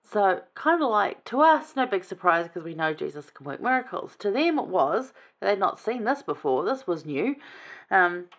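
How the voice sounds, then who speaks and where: A woman's voice: mid-range voice, very animated, normal speed. A woman giving a casual, chatty scripture lesson, enthusiastic and conversational. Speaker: scripture study teacher.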